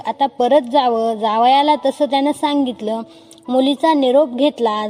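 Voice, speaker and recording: High-voiced woman telling a devotional story. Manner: steady, measured storytelling. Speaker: narrator. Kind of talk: scripted devotional story narration.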